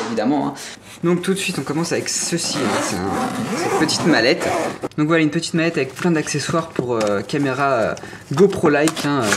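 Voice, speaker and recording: Background noise sits under this medium-pitched male voice: a young French-accented streamer casually touring his gaming room. His talk drifts, full of hesitations and self-corrections, and he jokes enthusiastically about the collectibles on display.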